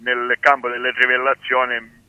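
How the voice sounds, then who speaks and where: A man, a guest activist speaking over the phone on a radio show, explaining his points with frequent pauses and restarts. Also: medium pitch, completely flat delivery, clear, resonant tone, no echo. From Sicily. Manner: hesitant, many fillers and restarts, explanatory. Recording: tinny phone line.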